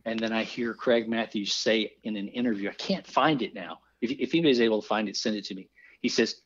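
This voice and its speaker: Middle-aged man, low voice, animated storyteller, dull lo-fi recording. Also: fast talker. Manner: lively anecdotes with exclaimed quoted voices. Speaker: podcast guest, fly fisher. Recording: dull lo-fi sound.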